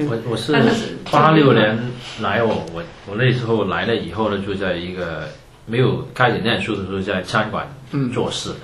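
Halting older man, lowish voice. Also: fairly bright tone. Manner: halting, slow to start sentences. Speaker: class participant. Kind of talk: telling a personal story in a group. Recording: roomy room with light noise, off-mic.

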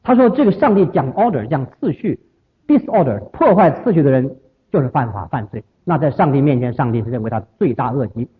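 Man, storytelling lecture, very husky voice, thin phone-like sound. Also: mid-range voice, animated, brisk. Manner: repetitive, emphatic retelling.

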